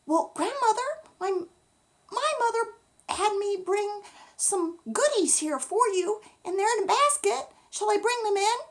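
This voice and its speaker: A woman's voice: very high-pitched, a little slow, voice pushed up, heavily acted. A woman voicing a polite, earnest little girl in a bedtime story. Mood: calling, concerned. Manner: earnest, expressive.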